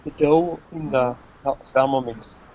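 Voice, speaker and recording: A man learning English who talks in a halting way and searches for words while telling a story. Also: medium pitch, warm tone, highs cut off. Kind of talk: casual class chat.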